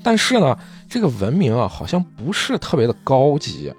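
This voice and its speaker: Animated man retelling a manga story. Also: mid-range voice, moderate pace, faint music behind. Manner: animated retelling, briefly voicing characters in quotes. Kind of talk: casual storytelling chat.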